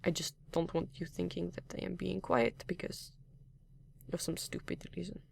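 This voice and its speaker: A man playing a gravelly, formal, reserved partner. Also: high-pitched, normal speed, slight background noise. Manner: formal, avoids contractions, hesitant restarts; soft-spoken, at times whispering. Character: reserved, formal, caring male lab-working partner. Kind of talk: comfort roleplay addressed to the listener.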